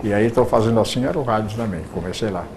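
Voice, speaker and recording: Talking very fast over background noise, an older man with a lowish voice recalls his years in radio drama in interview answers. He frequently stumbles over his words and repeats them.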